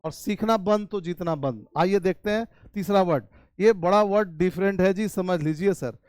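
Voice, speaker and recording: Man from India, English teacher, Hindi-accented English, chatty lesson, high-pitched, dry sound. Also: a little mellow, clear, resonant tone, dry recording. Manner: chatty, drawn-out model sentences, teasing asides.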